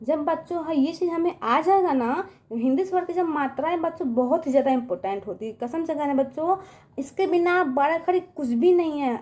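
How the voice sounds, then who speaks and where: A woman teaching young children in a coaxing voice, often addressing them and slowly stretching out each syllable as she sounds it. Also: sits high, mellow. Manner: coaxing, repeats "ठीक है" and "बच्चों" often. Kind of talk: children's lesson.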